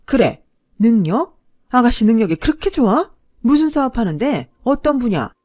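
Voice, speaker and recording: A woman voicing a snobbish middle-aged mother who talks down to others in a shrill, domineering way. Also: big pitch swings, moderate pace. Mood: contemptuous. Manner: shrieking, scornful, loud.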